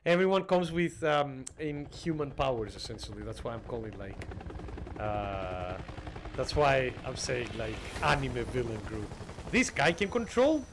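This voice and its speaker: A man livestreaming a video game with casual, jokey, halting commentary to his chat. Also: medium pitch, expressive, noisy background. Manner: jokey, chatty, halting fillers.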